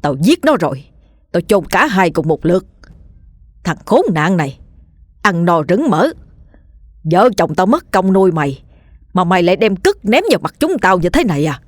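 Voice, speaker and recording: A woman's voice: on the low side, expressive, fast, darkish tone, breathy edge, no echo. A woman voicing an older man, a brutal brothel boss who snarls threats at his brother-in-law in a spoken ghost story. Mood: enraged.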